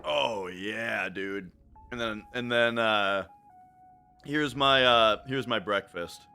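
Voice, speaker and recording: Male streamer, casual ramble full of fillers and false starts, bright forward tone, studio mic at a home desk, faint music underneath. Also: fairly low pitch, takes it slowly, creaky, smooth. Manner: rambling, with many fillers and restarts. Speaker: live streamer. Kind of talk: casual live-stream chat while gaming. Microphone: studio mic through a desk mixer.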